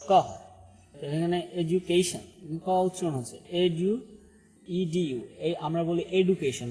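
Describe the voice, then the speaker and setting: A man teaches English spelling and pronunciation in a somewhat high voice. He talks haltingly, filling pauses and checking that the viewers follow. The recording carries a long reverb with faint music underneath. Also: mellow, husky. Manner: halting, with frequent fillers and restarts, repeats "ঠিক আছে?" to check on viewers. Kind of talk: online lesson explaining spelling and pronunciation.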